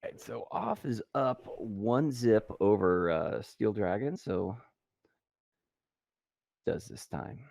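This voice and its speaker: A man co-casting a tank game match over voice chat, easygoing and quick to laugh. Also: lowish voice, animated, vocal fry, darkish tone, no room sound. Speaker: co-caster. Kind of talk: esports commentary.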